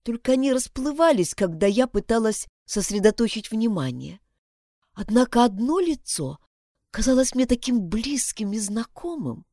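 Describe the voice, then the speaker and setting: Expressive woman narrating a story. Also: on the high side, moderate pace, no echo, studio quality. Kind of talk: first-person audiobook narration.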